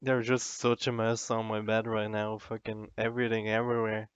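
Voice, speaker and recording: A man's voice: lowish voice, little pitch movement, normal speed, clean tone, highs cut off. A drunk man in a casual, sweary, meandering and self-deprecating ramble to the camera, as a vlogger does.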